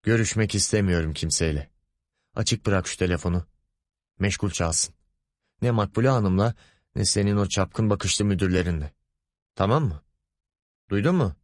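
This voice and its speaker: A man's voice: low voice, moderate pace, pauses often, no echo, studio quality, close to an everyday voice. A man voicing a pompous, lecherous middle-aged male boss in an audiobook, wheedling and bossy by turns. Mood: grumpy bossy. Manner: wheedling, grumbling, commanding.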